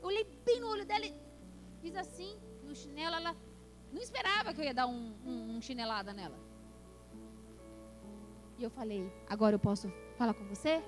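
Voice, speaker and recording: Passionate São woman preacher. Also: high voice. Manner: passionate preaching, rising to emphatic peaks. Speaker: pastor. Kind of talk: sermon. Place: church. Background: worship music.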